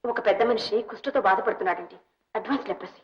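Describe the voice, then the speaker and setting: An actress playing a kind, compassionate young woman who speaks in a gentle, soft, pleading way in an old film scene. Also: medium pitch, very fast, close to an everyday voice. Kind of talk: 1950s Telugu film acting. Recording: dull old film soundtrack.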